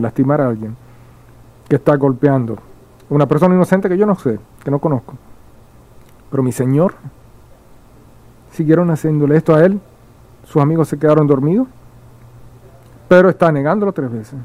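A man's voice: on the high side, warm tone, rough recording. A man pastor preaching a midweek sermon, reading Bible verses aloud and explaining them with repeated emphasis, with occasional slips and restarts.

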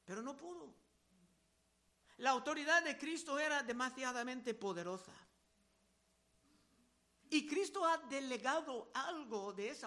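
A man's voice: very high-pitched, sharp tone. A man preaching a sermon, reading Bible verses aloud and explaining them, often repeating key words.

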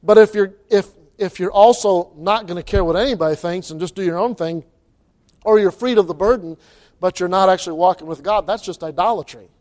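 Man, high-pitched voice, pastor, informal sermon, emphatic, folksy wording, repeated phrases. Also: fairly quick, darkish tone.

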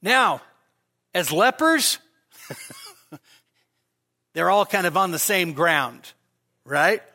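A man's voice: high-pitched, sing-song, extremely slow, sharp tone. A man preaching a sermon in a conversational way, often asking his listeners rhetorical questions. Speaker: pastor.

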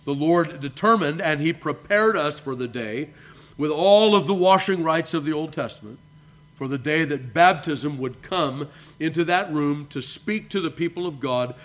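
A man, a pastor, preaching a measured sermon and reading scripture aloud. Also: on the high side, lively intonation, a bit bright. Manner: addresses listeners as beloved.

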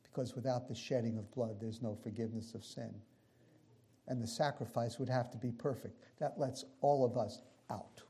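Husky New preacher telling a story. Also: male voice, medium pitch, moderate pace. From New York. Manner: punchy, animated storytelling with acted-out dialogue. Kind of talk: storytelling sermon.

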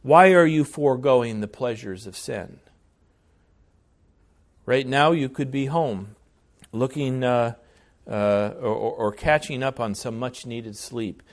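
Male pastor, sermon delivery, unhurried and earnest, medium pitch, emphatic repetition. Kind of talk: expository sermon.

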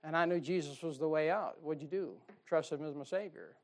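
A man preaching a sermon on soul-winning, shifting from loud emphasis to quiet asides and slowing down to read scripture. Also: fairly high pitch. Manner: reads scripture in slow, drawn-out emphasis.

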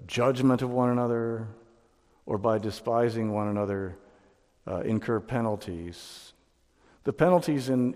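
A man preaching a sermon as pastor, speaking emphatically and climbing to loud peaks. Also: medium pitch, big-room sound. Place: church sanctuary.

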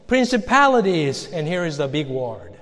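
A man preaching a sermon, emphatic, reading scripture slowly and pointedly. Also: sits high, very animated, long reverb tail.

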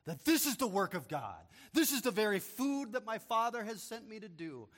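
A man preaching an expository sermon as a pastor, moving from quiet explanation to loud, emphatic proclamation. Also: high-pitched, very animated, normal speed. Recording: long reverb of a large hall.

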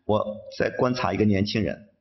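A man interpreting a sermon phrase by phrase, somewhat halting. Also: on the low side, vocal fry, husky, highs cut off.

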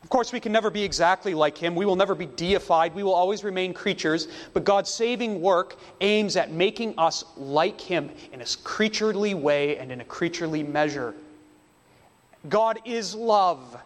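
A man preaching a sermon, slow and emphatic, with dramatic pauses between phrases. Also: high-pitched, big-room sound.

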